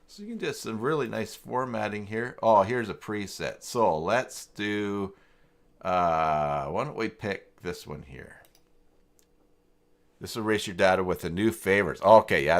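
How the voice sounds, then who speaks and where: A male live stream host demonstrates website software in a casual screen-share tutorial, talking himself through the screen. His creaky low voice is unhurried, casual, and tentative as he hesitantly mutters to himself while searching.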